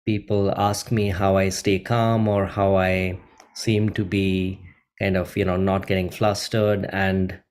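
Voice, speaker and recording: Middle-aged guy from india, lowish voice, easygoing meditation host, lots of ums. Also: little pitch movement, clean tone. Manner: gentle and unhurried, many ums and uhs. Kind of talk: guided meditation talk.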